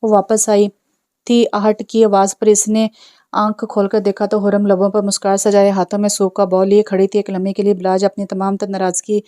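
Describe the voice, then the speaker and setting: A woman narrates a romance novel in a calm, even storytelling voice. Her pitch barely moves. The tone is smooth and darkly mellow. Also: brisk. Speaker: audiobook narrator.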